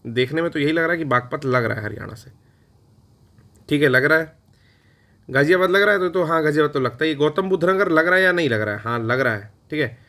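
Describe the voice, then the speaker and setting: A man's voice: a little high, lively intonation, fast talker, bright, forceful tone. A man teaching an exam-prep lecture, chatty and playful, answering his own questions in a mock student voice. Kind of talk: recorded online lecture.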